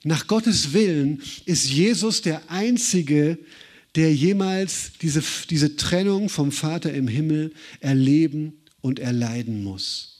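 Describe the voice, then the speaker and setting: A man preaching a sermon, speaking straight to each listener with repeated rhetorical questions. His voice sits somewhat high, and he varies his delivery between quick, lively bursts and slow, weighty phrases. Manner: direct, personal address with rhetorical questions.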